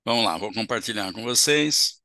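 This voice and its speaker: A man's voice: fairly low pitch, lively intonation, moderate pace, bright, forceful tone, no room sound, clean studio sound. A man giving a seminar lecture in an auditorium, explaining step by step and checking in with the audience with short tag questions.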